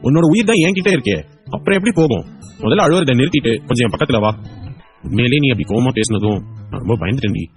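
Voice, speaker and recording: A man's voice: medium pitch, animated, fast, faint music behind, natural voice. A man voicing a loving young husband in a hospital bed, playful and coaxing. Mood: tender. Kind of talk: audio drama acting.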